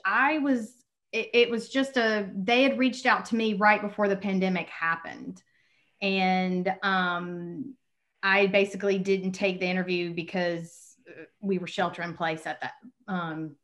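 A woman's voice: on the low side, a bit bright. A woman speaking frankly as a panelist on a video call.

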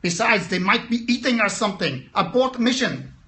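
A man's voice: high-pitched, very animated, moderate pace, bright, forceful tone, voice pushed up, heavily acted. A man voicing his own overprotective amygdala as a stiff, alarmed German-accented male character. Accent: put-on German.

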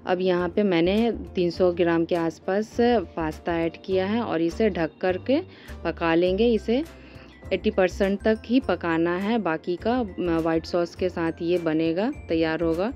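Woman, cooking-channel host; low, warm voice-over, calm and instructional, faint music behind. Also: unhurried. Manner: calm step-by-step instruction with hesitations.

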